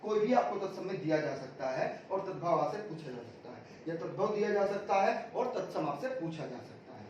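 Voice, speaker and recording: A man's voice: a little high, expressive, moderate pace, few pauses, a little mellow, a little hiss or hum. A man teaching an exam-prep grammar lesson, drilling students with repeated questions and answers. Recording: echoey room, distant mic, dull sound.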